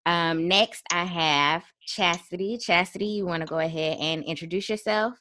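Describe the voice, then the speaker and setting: A woman in her thirties hosting a casual podcast chat, relaxed and chatty with frequent ums. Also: on the low side, moderate pace, dry recording. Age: 30s. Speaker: podcast host.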